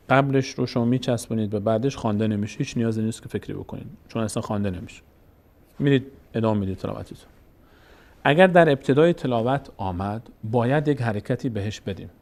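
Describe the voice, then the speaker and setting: A man teaching Quran reading step by step, patiently repeating each rule and slowly sounding out example words. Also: medium pitch, a little mellow. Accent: Persian-speaking, Tajikistan channel. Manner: patient, repeats rules, addresses viewers as dear ones. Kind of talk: step-by-step recitation lesson.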